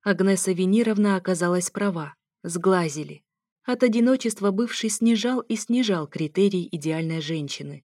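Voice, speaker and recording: Woman narrator, mid pitch, wry and expressive, dry close mic. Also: normal speed, no echo. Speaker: audiobook narrator. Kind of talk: first-person audiobook narration.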